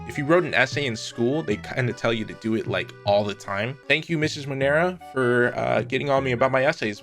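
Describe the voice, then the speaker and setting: A man's voice: mid-range voice, a bit bright. A man hosting an online video in casual chat, with a sarcastic, teasing, mock-polite manner. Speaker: online content creator hosting a comment-reading video. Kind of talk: casual chat reacting to comments, with a sponsor read.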